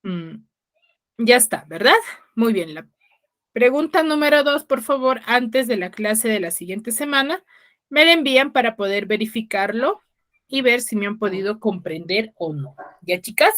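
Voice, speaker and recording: A woman's voice: a little high, lively intonation, normal speed, fairly bright tone. A woman teacher giving an online class over a video call, explaining patiently and often checking in with her students.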